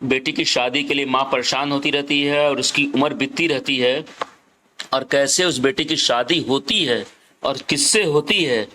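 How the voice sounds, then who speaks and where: Slow, patient male schoolteacher. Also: mid-range voice, fairly even intonation, bright, forceful tone, a little hiss or hum. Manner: slow, repetitive, reads English lines word by word. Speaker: school English teacher. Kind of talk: classroom lesson explaining in Hindi.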